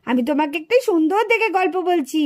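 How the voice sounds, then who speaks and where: In a children's puppet cartoon, a woman voices a soothing, indulgent village aunt who coaxes and gently chides. Her voice is extremely high and animated, and she talks fast.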